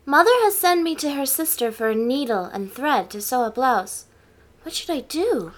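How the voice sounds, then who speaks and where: A small, frightened peasant girl, played by a woman speaks in a high, bright voice. She is polite and pleading, with a quick mind behind the fear. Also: expressive.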